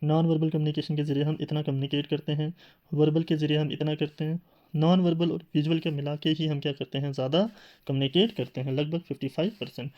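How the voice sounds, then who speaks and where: A man's voice: on the high side, level tone, fast, muffled recording. A man teaching a classroom lecture in tinged speech, explaining step by step with rhetorical questions and filler sounds.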